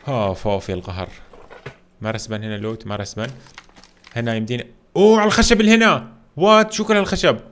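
Fast-talking excitable gamer man. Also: medium pitch, smooth. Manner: excitable, exclaims often, drops English gaming slang. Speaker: gaming YouTuber playing a survival role-play game. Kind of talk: live gameplay commentary. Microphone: home gaming mic that a friend says sounds off.

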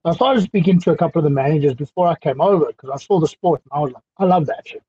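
Fast-talking and slightly rough at a fairly high pitch, this South African man in his thirties is a guest fighter chatting on a video call. He wears a headset in a small indoor room, and the call audio is muffled and lo-fi. His manner is relaxed and talkative, with easy laughter.

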